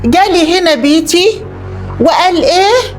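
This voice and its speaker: A woman's voice: very high-pitched, lively intonation, a little slow. A middle-aged woman with an Egyptian accent playing a worried, protective mother who pleads and repeats herself in a melodramatic short film. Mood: upset. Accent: Egyptian Arabic. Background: background music.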